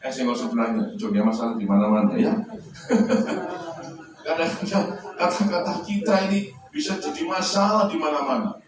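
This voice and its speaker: A male pastor preaching a lively sermon, joking with the congregation and leaning into vivid examples. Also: moderate pace, crowd noise. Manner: lively, joking, varies pitch a lot, mimics others in quotes. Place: church hall. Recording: distant, echoey church hall with room noise.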